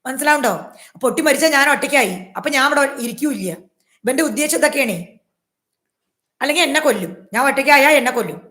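Fast, emphatic woman vlogger in an echoey room. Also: high-pitched, lively intonation, pushed and bright. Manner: emphatic, repetitive, aggrieved. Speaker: YouTuber. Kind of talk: personal vlog monologue to viewers.

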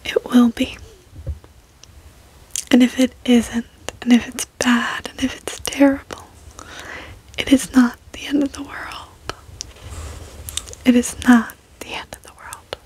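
A young adult woman gives a reassuring ASMR pep talk in a soft, breathy whisper, close to a desk microphone in a bedroom. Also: fairly high pitch, flat delivery, rough recording. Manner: slow, reassuring, gentle encouragement. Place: bedroom, indoors.

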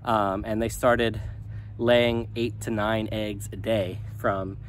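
A man in his thirties talking casually to a handheld phone outdoors in his chicken run, relaxed and rambling with many ums. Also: fairly low pitch, takes it slowly, slight background noise. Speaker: small farm vlogger. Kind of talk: casual vlog talk to camera. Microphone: phone at arm's length.

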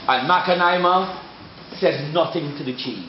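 Man, storyteller in a school, high voice, dull lo-fi sound, faint ambience. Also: measured pace, slight background noise. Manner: dramatic, expressive, swinging loud to hushed. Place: school room. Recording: echoey room from far off, dull.

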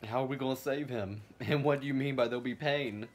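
A man doing gameplay commentary, excitable and jokey, talking back at the game. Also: medium pitch, a little fast. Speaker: let's play host.

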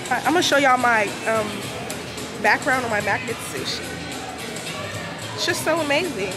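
Chatty young woman vlogging over loud music. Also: on the high side, expressive, moderate pace. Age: young adult. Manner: playful, chatty, slangy. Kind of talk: casual shopping vlog. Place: busy clothing store and grocery store, indoors. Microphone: handheld camera at arm's length.

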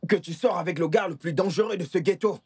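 A man's voice: sits high, quick pace, breathy edge, exaggerated voice. An actor dubbing a worried young man confronting his sister in a film. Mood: accusing. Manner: accusing, insistent. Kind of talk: dubbed film dialogue.

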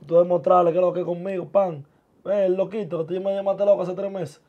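Joven de voz aguda con acento dominicano. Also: male voice, high-pitched, little pitch movement, quick pace, narrow, tinny audio. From born in the US, of Dominican parents. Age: young adult. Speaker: guest, musician and TikToker. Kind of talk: casual interview talk. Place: small indoor studio with sofa chairs.

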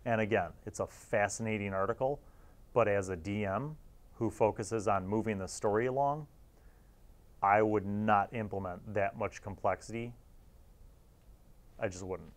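Recorded on a lapel mic in a small studio, a forties-aged host reviewing old gaming magazines offers informal, wry commentary to camera. He talks at a moderate pace in a lowish voice, pausing often.

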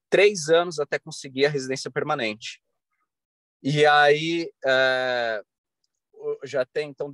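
Man in his thirties from Brazil, podcast guest on webcam, earnest and advising, dry close sound, slightly high voice. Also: dry recording. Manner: earnest, advising, many restarts and fillers. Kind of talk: casual interview talk. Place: bright room at home. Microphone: video call webcam.

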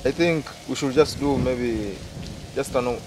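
A man's voice: medium pitch, unhurried, heavy background noise. Persuasive man selling snorkel trips. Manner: persuasive, broken English. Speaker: boat tour seller.

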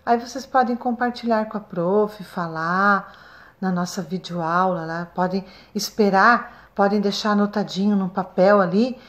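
A woman with a Brazilian Portuguese accent, a first-grade teacher recording a remote lesson, speaking slowly and stretching out syllables for young children. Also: mid-range voice, fairly even intonation. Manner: slow, sing-song, stretches syllables for children.

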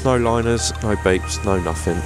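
A man in his thirties talks to camera from inside a fishing tent, low-pitched and easygoing, rambling along with fillers and restarts. A lapel mic picks him up close, with music running clearly underneath. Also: normal speed. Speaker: fishing vlogger. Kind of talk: casual vlog chat to camera. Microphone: clip-on lapel mic.

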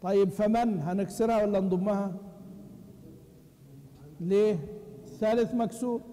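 Male teacher, high-pitched, quizzes students and chants verses, long hall reverb. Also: fairly even intonation, normal speed, dark tone, a little hiss or hum. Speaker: Quran recitation teacher. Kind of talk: classroom lesson explaining a text. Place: large mosque hall.

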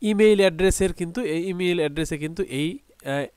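A man gives an online school lesson, patiently spelling out words letter by letter and syllable by syllable. His voice sits a little high and sounds smooth and clear, recorded close and dry with no room echo. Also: brisk, a little mellow. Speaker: teacher.

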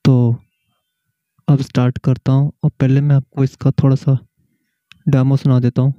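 A man hosting a keyboard tutorial, slowly explaining each setting step by step. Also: medium pitch, level tone, dark tone, no room sound. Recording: muffled, slightly lo-fi audio.

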